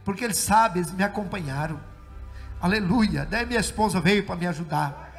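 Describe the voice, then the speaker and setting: A middle-aged man, a pastor, giving an emotional testimony sermon in church that swells into shouted preaching. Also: sits high, fairly quick. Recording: church hall reverb with faint music.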